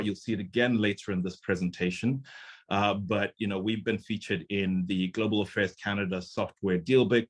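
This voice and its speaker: A Zimbabwean startup founder and CEO with a fairly low voice gives an earnest, conversational conference presentation over a video call.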